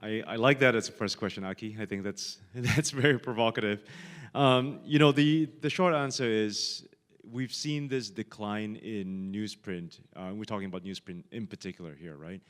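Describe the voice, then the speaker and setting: Deep-voiced panelist in a hall. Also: male voice, normal speed. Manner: lively, emphatic, with speed bursts. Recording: reverberant conference hall.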